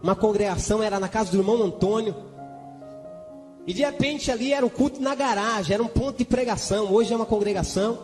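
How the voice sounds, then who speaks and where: A Brazilian man with a very high voice preaches a testimony in church. He tells it fervently and emotionally, breaking into hallelujahs and speaking in tongues. His voice rings with a long hall reverb, and soft music plays underneath. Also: quick pace. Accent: Brazilian Portuguese.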